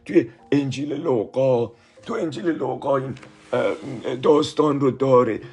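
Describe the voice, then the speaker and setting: Mellow-voiced man teaching children a Bible story. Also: mid-range voice, husky, soft background music. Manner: patient, explains each verse again in simple words; often turns to the children with asides.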